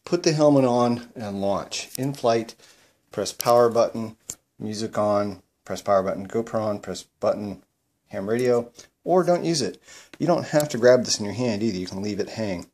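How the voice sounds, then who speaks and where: A man with a fairly low, darkish voice talks at a normal speed while demonstrating his home-built paragliding gear. It's a casual, matter-of-fact showing, recorded indoors at home.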